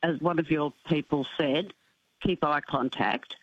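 A woman's voice: sits low, measured pace, husky, no room sound. An Australian woman in her seventies with missing front teeth, calling in to a radio show and sharing stories and advice in a firm, matter-of-fact way. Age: 70s. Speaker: radio phone-in caller. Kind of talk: casual anecdotes and advice. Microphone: telephone. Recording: dull, muffled phone call.

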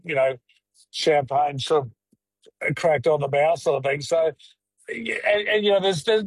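A man talking over a patchy phone line from his car. He speaks haltingly, repeating words and using many fillers, as a guest on a radio interview. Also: a little high, slightly rough, no echo. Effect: phone call from a moving car, dropping reception. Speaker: live cattle exporter, phone-in guest.

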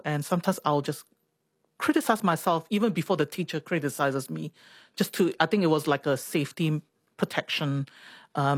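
A woman's voice: deep voice, dry recording, studio quality. Chatty woman in her forties. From Singapore. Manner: chatty, reflective, laughs often, repeats words. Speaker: interviewee, doctor. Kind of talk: reflective personal storytelling.

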